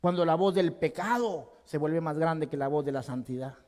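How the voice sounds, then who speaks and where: Male pastor, impassioned sermon, high voice, long church reverb. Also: normal speed. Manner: impassioned preaching that swings between loud emphasis and hushed tones. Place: church sanctuary.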